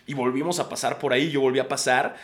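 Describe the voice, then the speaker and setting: A Mexican man in his thirties hosting a podcast, telling stories in an animated, slangy way and swearing freely. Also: medium pitch, fast talker. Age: 30s. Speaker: podcast host. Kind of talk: casual storytelling monologue.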